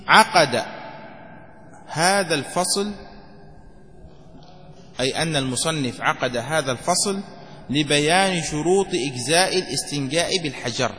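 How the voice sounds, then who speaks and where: Male jurisprudence teacher, high voice, drilling students by rote, recorded in a reverberant hall. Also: expressive, sharp tone, slight background noise. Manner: asks questions and answers them himself, repeats key phrases to memorize; dictates phrases slowly word by word. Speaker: sheikh teaching Shafi'i jurisprudence. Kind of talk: classroom fiqh lesson.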